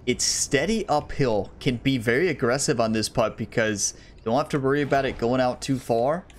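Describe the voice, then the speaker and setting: Chatting with viewers as he plays, a gaming YouTuber gives casual let's-play commentary in a slightly worn voice that he's starting to lose. His voice is mid-range at a moderate pace, with a little hiss or hum in the recording.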